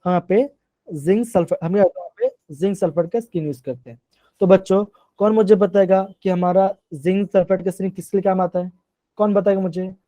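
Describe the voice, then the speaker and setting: A man's voice: sits high, fairly quick, mellow, no room sound. A man teaching a class live online, often asking questions and repeating them, mixing terms into his sentences.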